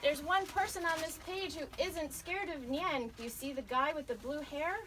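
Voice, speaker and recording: Reading aloud to children at a live event, a woman tells a picture-book story with lots of animation and exaggerated stretching of key words. She speaks at a normal speed in a high-pitched voice, and the audience can be heard throughout the noisy recording.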